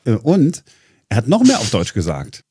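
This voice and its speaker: A man's voice: mid-range voice, huge pitch swings, moderate pace, dark tone, a little hiss or hum. A man presenting on a talk show in casual chat, explaining at length with many hesitations and restarts. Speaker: radio presenter.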